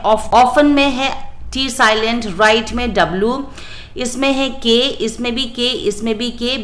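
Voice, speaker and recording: Indian lady teacher going over textbook answers slowly, kinda high voice. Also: a bit bright. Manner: slow, spells out answers in short lists. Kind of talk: explaining a textbook lesson.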